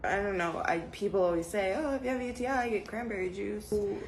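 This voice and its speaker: A woman's voice: mid-range voice, fast, reverberant, a little hiss or hum, lightly acted, rough recording. A woman in a comedy sketch who sounds skeptical and exasperated.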